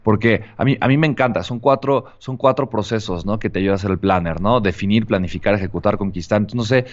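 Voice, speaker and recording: A man's voice: lowish voice, fast. A man speaking as a guest in a casual interview conversation, talking in a hesitant way with many restarts. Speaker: podcast guest. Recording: dull lo-fi sound.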